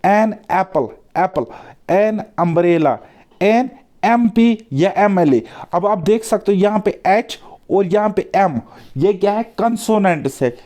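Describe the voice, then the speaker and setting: A male teacher giving an exam-prep grammar lesson, coaxing his students with repeated words and quick questions. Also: high-pitched, dark tone.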